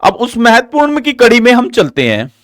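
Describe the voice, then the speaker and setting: A man's live online grammar class is captured in a dry recording with clean studio sound. He teaches step by step with slow, deliberate explanations and an animated pitch, drilling by answering the questions he poses.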